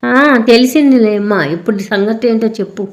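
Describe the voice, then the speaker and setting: A woman's voice: on the high side, steady tone, brisk, dark tone, roomy sound. A woman with a Telugu accent voicing a neighbor in a cartoon moral story, cold and dismissive. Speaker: voice actor for the neighbor.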